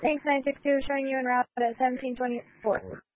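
A woman dispatcher comes through police radio, her fairly high voice thinned by dull, lo-fi scanner audio. She reads out unit numbers and times in brisk, clipped codes. Every call sounds practiced and matter-of-fact. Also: flat delivery, dry recording. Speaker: emergency dispatcher.

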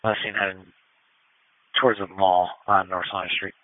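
A man's voice: low voice, little pitch movement, moderate pace, no echo. A man working as a police dispatcher, reading calls and unit numbers over the police radio in a clipped, matter-of-fact way. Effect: police radio transmission. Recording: narrow radio band, dry.

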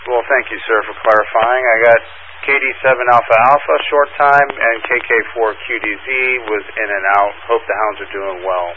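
A man with a fairly low voice runs a radio net in an easygoing, friendly way, with frequent pauses and fillers. His voice comes through a narrow two-way radio band. A faint hiss of static runs under it. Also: steady tone. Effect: two-way radio transmission with static. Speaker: net control operator. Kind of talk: running an amateur radio check-in net.

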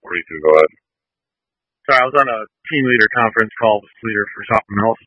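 A male police officer calling in over a police radio in terse radio codes, relaxed and matter-of-fact. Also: on the low side, rapid-fire, no room sound, highs cut off. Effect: heard over a police radio. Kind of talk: radio traffic.

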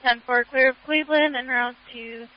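A woman working as an emergency dispatcher, reading back unit numbers, times and codes in clipped radio traffic over a two-way dispatch radio. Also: sits high. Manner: clipped, rapid, flat readback of times and codes. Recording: muffled lo-fi radio channel.

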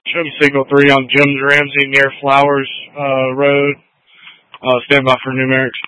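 A police officer on a police radio transmission, giving clipped call signs and codes in dispatch talk. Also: male voice, mid-range voice, completely flat delivery, normal speed, bright, forceful tone, clear, resonant tone, dry recording, poor audio.

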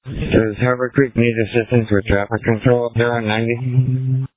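A man calling in over a police radio channel, speaking in clipped, even radio traffic as a responder. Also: mid-range voice, moderate pace, husky. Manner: even, flat delivery. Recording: tinny narrow-band radio, dry.

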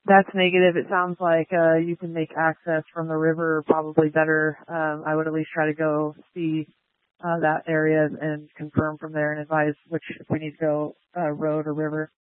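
A man's voice: fairly high pitch, monotone, moderate pace, no echo, phone-quality sound. A man on a rescue boat crew calling in over a two-way radio with static bursts, talking in brief procedural phrases with fillers. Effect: radio transmission with static bursts. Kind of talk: radio dispatch traffic.

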